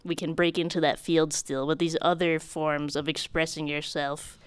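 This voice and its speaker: Low-voiced woman, crisp and dry. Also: level tone, dry recording. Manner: chatty, quick, laughs often, many "like"s. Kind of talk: casual chat about video games.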